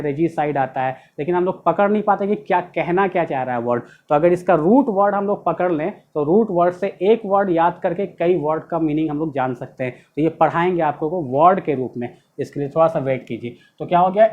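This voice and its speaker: A man's voice: fairly high pitch, muffled recording. A man teaching English grammar in a classroom-style lesson, explaining step by step and checking with rhetorical questions. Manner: explains step by step, asks rhetorical questions, stresses key words.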